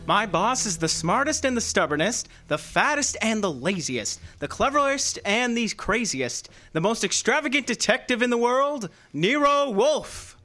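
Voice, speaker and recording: An actor playing a sardonic, slangy, exasperated assistant to a detective in an old-time radio drama. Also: male voice, very high-pitched, expressive, normal speed, hardly any pauses, bright, forceful tone, full character voice. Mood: wry, narrating.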